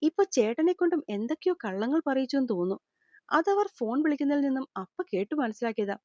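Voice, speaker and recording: A woman doing a gentle worried old father. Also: sits high, sing-song, fast talker, dry recording. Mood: consoling. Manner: soft, consoling, explanatory. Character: older man, gentle worried father figure. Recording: slightly dull lo-fi recording.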